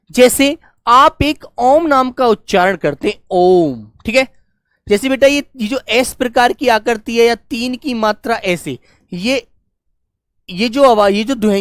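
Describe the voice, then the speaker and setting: A man's voice: extremely high pitch, dry recording. A man teaching an online class who keeps addressing his pupils as dear children and checks in with "okay" again and again. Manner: acts out loud calls to demonstrate.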